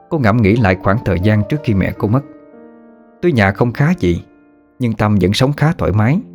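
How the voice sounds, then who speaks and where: A man reading a ghost story aloud in a steady, measured narration, over faint music. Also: lowish voice. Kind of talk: scripted horror story narration.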